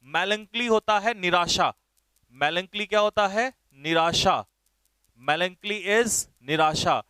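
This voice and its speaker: Male teacher, brisk and directive, slightly high voice, smooth and resonant, dry close sound. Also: pushed and bright, no echo. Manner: brisk and directive, spells words letter by letter. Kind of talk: online vocabulary class.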